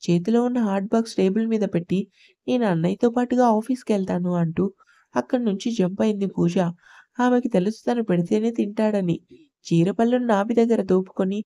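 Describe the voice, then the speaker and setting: Calm woman storyteller, mellow voice. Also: mid-range voice, no echo. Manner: calm and measured. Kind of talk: scripted narration of a love story.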